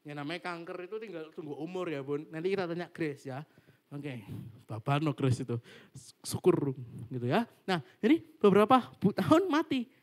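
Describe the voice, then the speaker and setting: A young man telling a casual testimony to a church cell group over a video call, animated and laughing often as he acts out what people said. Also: a little high, normal speed.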